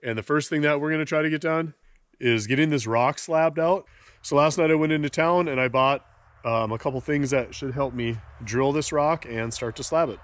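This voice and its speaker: A man's voice: on the high side, moderate pace, slight background noise. Stuffy-nosed man rambling to camera. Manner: rambling, chatty, talks to viewers while working. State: stuffed up from a head cold. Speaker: homesteading vlogger. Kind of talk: casual vlog talk to camera. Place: outdoors at a rural homestead.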